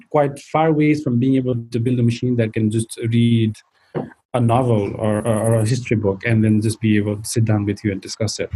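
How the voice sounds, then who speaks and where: A man from Nepal, a tech company founder, answering interview questions hesitantly with many fillers and some throat clearing. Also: lowish voice, dark tone, poor audio.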